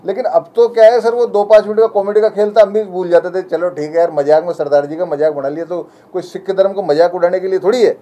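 A man's voice: high voice, mellow. A young man speaking to the press as a community spokesman, pleading and indignant. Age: young adult. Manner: pleading, indignant, rapid and emphatic. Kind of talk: impassioned press statement.

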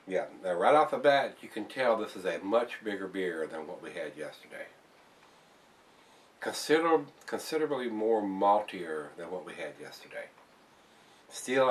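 A man's voice: fairly low pitch, distant mic. Chatty older man reviewing beer. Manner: chatty, rambling with fillers and restarts. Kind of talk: casual beer review to camera. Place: home bar room, indoors.

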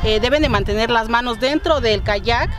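A young woman with a Oaxacan Mexican Spanish accent explaining kayak safety haltingly with fillers by a lake. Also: on the high side, loud music behind the voice. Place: lakeshore outdoors.

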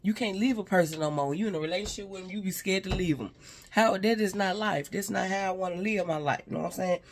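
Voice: medium pitch, fast talker. Rambling spiritual advisor speaking casually. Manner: rambling, repeats "you know what I'm saying"; speaks straight to an unseen person, sighs between thoughts. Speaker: spiritual advisor giving a reading. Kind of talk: casual spoken reading to viewers.

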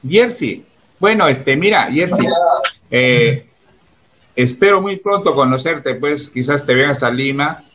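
A man's voice: mid-range voice, expressive, a little slow, fairly bright tone. A man running a casual online interview over a video call, chatty and full of fillers. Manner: chatty, many fillers like "pues" and "este".

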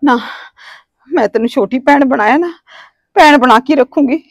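A woman's voice: sits high, normal speed, no room sound. An actress with a Punjabi accent playing a tearful young wife thrown out of her home, begging for work and shelter. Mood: pleading. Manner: pleading, sobbing. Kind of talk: village family drama acting.

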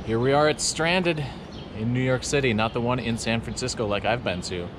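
A young man hosting a casual travel vlog, chatting easily and thinking out loud as he walks around the city. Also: mid-range voice, moderate pace. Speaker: vlogger. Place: city streets outdoors. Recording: loud street noise. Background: loud traffic noise.

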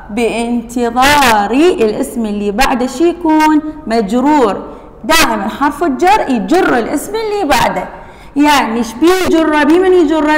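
Iraqi woman teacher, high voice, slow drawn-out reading, reverberant room. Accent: Iraqi Arabic. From Iraq. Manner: slow deliberate reading, stretching words, quizzing pupils. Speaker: primary school teacher. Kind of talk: reading lesson for young pupils.

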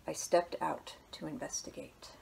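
A woman in her thirties who works as a children's librarian reads a picture book gently in her small living room, slipping in quiet asides. Her deep, creaky voice moves at normal speed with fairly even intonation, and the low-quality recording has a little hiss or hum.

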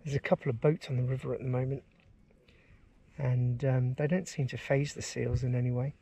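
Medium in pitch, a little fast, creaky and husky: that's the voice of this English outdoors vlogger in his forties, narrating from a kayak on a river. He talks relaxed and keen to the action camera fixed to the boat, peppering his casual vlog with fillers.

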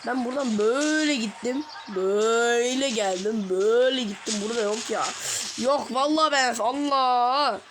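A woman's voice: on the high side, moderate pace, hardly any pauses. A young woman hosting a gaming video, chatting casually and getting exasperated with the game. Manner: exasperated, chatty, laughs in frustration. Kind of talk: casual gameplay commentary. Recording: noticeable background noise.

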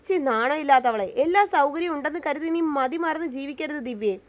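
Woman voicing a stern aunt, high voice, scolding. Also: animated, brisk. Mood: indignant. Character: indignant middle-aged aunt, scolding.

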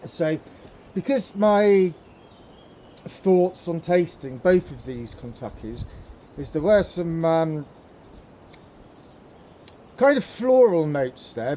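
A man's voice: fairly high pitch, mellow, a little hiss or hum. A man hosting a casual how-to demonstration, talking hesitantly with many fillers and repeated words. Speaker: pipe tobacco hobbyist, channel host.

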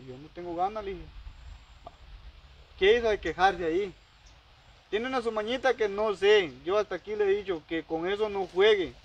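In a high voice, this storyteller recounts a drawn-out personal dispute, playing both parties and quoting them constantly. His telling is casual and meandering, and the recording sounds rough.

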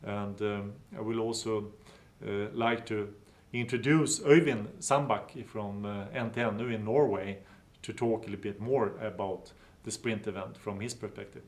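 Low-voiced researcher, hesitant. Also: male voice, fairly even intonation, unhurried. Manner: hesitant, many fillers. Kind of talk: interview.

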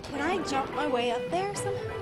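A young woman with a high voice talks through a live gameplay stream, rambling and exasperated, breaking into shouts. Her voice sounds worn from screaming, and game music plays clearly behind her. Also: expressive, brisk.

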